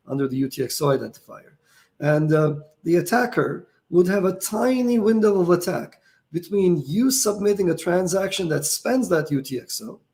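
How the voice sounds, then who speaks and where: A tired middle-aged founder who is losing his voice answers viewer questions, explaining technical topics casually. His pitch is fairly high and his tone warm. He thinks aloud, with plenty of fillers and restarts.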